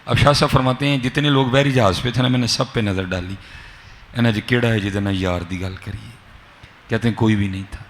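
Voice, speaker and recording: A man from Pakistan, an Islamic scholar giving a sermon and acting out the dialogue of his story with a lively, swinging delivery. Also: on the low side, slight background noise. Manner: animated storyteller, acts out dialogue, swings between soft and loud.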